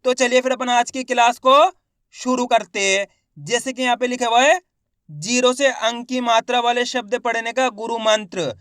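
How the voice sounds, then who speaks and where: A man teaching a step-by-step reading lesson, sounding out syllables slowly and answering his own questions. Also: extremely high pitch, fairly even intonation, a bit bright, clear, resonant tone, no room sound, studio quality. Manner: addresses viewers as friends, plain conversational teaching.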